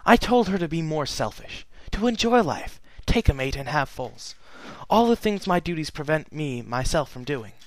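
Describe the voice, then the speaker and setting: A man's voice: a little high, very animated, moderate pace, hardly any pauses, no room sound, pitched above the performer's own voice. Grave pony princess as a man reads her, lifted voice, solemn and earnest, dry close sound. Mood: solemn, wistful. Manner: solemn, earnest letter-reading. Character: regal, sorrowful immortal pony princess, woman. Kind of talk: fan fiction reading.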